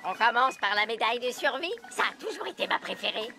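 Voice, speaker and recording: Boastful male cartoon woodpecker, high voice, hugely animated delivery, reckless know-it-all, music loud behind. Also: fast, gravelly. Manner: boastful, theatrical, dismissive. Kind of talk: French cartoon dub acting.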